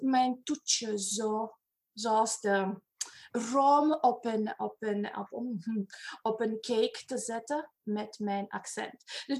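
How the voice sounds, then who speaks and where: Animated Romanian-accented woman, slow speech. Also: sits high. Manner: animated, laughing, searching for words. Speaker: guest facilitator. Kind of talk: casual online chat.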